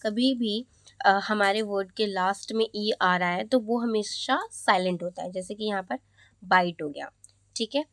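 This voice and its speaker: A woman with an Indian accent teaching English pronunciation rules. She explains each rule in Hindi, then reads it out slowly in English, and checks in with "okay" again and again. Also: mid-range voice, fairly bright tone, no room sound. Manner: slows down to read rules aloud in English, repeats "ठीक है". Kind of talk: classroom explanation.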